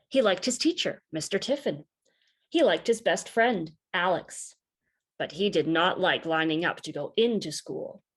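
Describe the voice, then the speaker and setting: Her voice fairly low, a woman narrates a kids' picture book in a careful, animated storytelling style.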